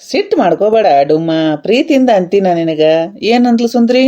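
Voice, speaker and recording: Lady doing a teasing cartoon uncle, fast drawl, dull muffled sound. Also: fairly high pitch, mellow, close to an everyday voice. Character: teasing older uncle, husband of the aunt. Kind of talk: cartoon dialogue acting.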